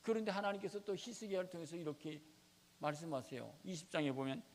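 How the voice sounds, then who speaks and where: A man's voice: on the high side, fast talker. A male pastor preaching a sermon, emphatic, often asking the congregation rhetorical questions. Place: church sanctuary. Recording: reverberant church sanctuary.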